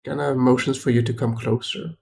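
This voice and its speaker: A man's voice: medium pitch, fairly even intonation, a little fast, vocal fry, darkish tone. Matter-of-fact man running the game. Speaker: game master. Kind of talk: narrating a tabletop game.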